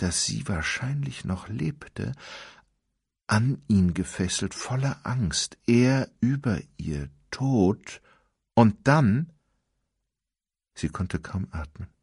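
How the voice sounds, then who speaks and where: A man reading an audiobook, playing a weary male detective who reports grimly and haltingly. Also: deep voice, big pitch swings, gravelly, breathy edge, no echo, clean studio sound, heavily acted. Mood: grave. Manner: halting, somber.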